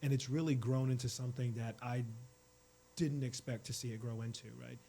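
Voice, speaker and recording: A man in his forties, a college department chair, talking in a relaxed interview with fillers. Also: mid-range voice, brisk, a little hiss or hum. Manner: warm, relaxed storytelling with fillers. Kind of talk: casual interview talk.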